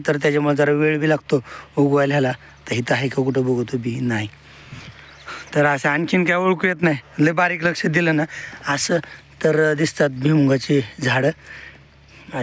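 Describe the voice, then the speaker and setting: A man narrating a casual farm vlog outdoors, walking the viewer through his fields and animals. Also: fairly high pitch. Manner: explains his fields and animals to the camera while working. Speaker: farmer vlogger.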